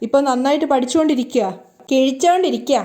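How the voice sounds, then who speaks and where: Woman reading young man defending family, high voice, mellow tone. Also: fast talker, natural voice. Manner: read out plainly in the reader's own voice.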